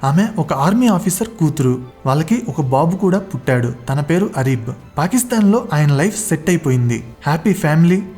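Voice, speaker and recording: Mellow-voiced dramatic story narrator. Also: mid-range voice. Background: faint background music.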